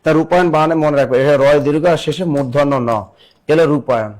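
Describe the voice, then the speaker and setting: This young adult man runs a live online exam-prep class, slowly spelling out words, quizzing his viewers and reading their comments aloud. His voice is on the high side and a little mellow.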